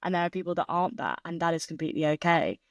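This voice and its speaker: A woman in her twenties, a guest on a podcast, speaking in a thoughtful, measured and open way. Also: on the low side, big pitch swings, no room sound, clean studio sound. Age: 20s. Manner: thoughtful and measured, speaking openly about grief. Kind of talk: candid interview conversation.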